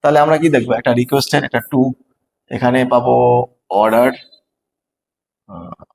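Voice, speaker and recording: A male teacher, explaining grammar step by step in an exam-prep lesson and reading example sentences slowly. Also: mid-range voice, vocal fry, big-room sound, poor audio. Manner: explains step by step, asks rhetorical checks.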